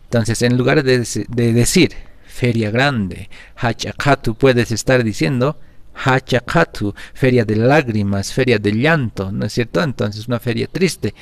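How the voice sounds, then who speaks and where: A man teaching Aymara pronunciation, slow and careful, repeating each word for his learners. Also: medium pitch, creaky, no room sound. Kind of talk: pronunciation lesson.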